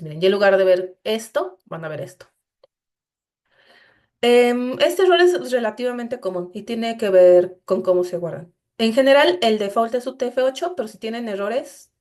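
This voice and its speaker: Woman, instructor, screen-share coding lesson, somewhat high voice, explanatory, talks straight to students. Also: darkish tone. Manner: explanatory, addresses students directly with frequent "entonces".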